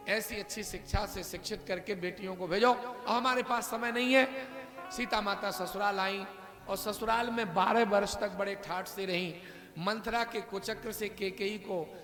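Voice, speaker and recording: A man's voice: high-pitched, reverberant, big-room sound. A man giving a devotional discourse, telling the story and talking straight to the audience, with bits of rustic dialect. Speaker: kathavachak preacher. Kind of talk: devotional discourse with verse recitation.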